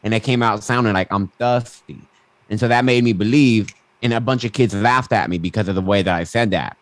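A man's voice: lowish voice, fast, no echo. A man with a lisp who says w for r, explaining ideas emphatically as a coach and interview guest. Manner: emphatic, mild swearing, acts out quotes. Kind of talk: animated explanatory interview talk. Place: indoors, online video call.

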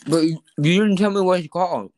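A man's voice: high voice, fairly quick, a crowd in the background. A drunk nineteen-year-old man chatting on a call with a friend, slangy, tacking "bro" onto lines and restarting his sentences. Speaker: caller, friend. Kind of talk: casual chat on a call.

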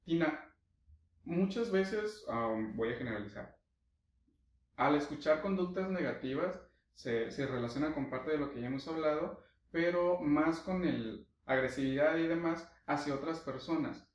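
A man's voice: fairly high pitch, unhurried, recorded from a distance. A man hosting an interview, summing up his guest's points and asking follow-up questions. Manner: brief acknowledgments, sums up the guest's points. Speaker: interview host. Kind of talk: conversational interview. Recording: roomy, from off the mic.

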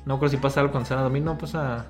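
A man's voice: mid-range voice, steady tone, rapid-fire, soft background music. A man co-hosting a podcast, chatting casually and laughing often as he retells a story. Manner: laughs often, trails off and restarts. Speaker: podcast co-host. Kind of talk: casual chat recapping an anime.

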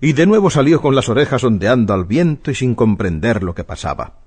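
A man narrating a children's radio story in a measured, expressive way. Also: medium pitch, noisy background.

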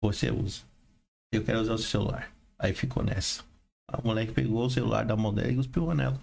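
A man's voice: on the low side, fast, creaky, a little mellow. Slangy man telling stories. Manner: slangy storyteller, calls others mano and irmão. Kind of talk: casual chat.

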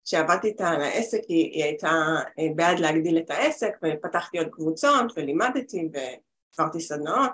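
A woman's voice: low voice, expressive, a bit bright. Brief: woman in her forties, guest healer, chatty rambling talk over a video call.

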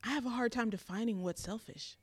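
A woman chatting earnestly on a podcast, thinking things through out loud. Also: on the high side, a little fast, husky, dry recording. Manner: thoughtful, earnest, reflective. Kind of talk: casual chat.

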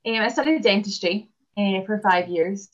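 This twenty-something woman from Scotland, both a dentist and a basketball player, chats easily in an interview with frequent "um" pauses. Her pitch is medium, and the recording is muffled.

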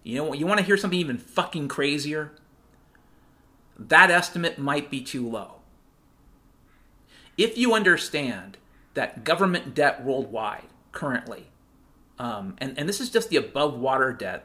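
A man's voice: medium pitch, bright, forceful tone. A male podcast host delivering a heated, sarcastic monologue, swearing often. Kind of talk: profane ranting monologue.

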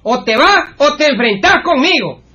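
An actor playing a boastful, bullying self-proclaimed karate champion in a comic radio drama, swaggering and threatening. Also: male voice, very high voice, big pitch swings, normal speed, pushed and bright, heavily acted. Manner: swaggering, threatening, repeats a crude exclamation. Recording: dull lo-fi radio recording.

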